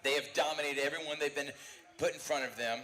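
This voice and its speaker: A man's voice: on the high side, steady tone, sharp tone, low-quality recording. A man co-hosting a live sports talk show from a bar, rattling off team rankings with enthusiasm. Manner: fast, enthusiastic rundown of rankings. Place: bar and grill.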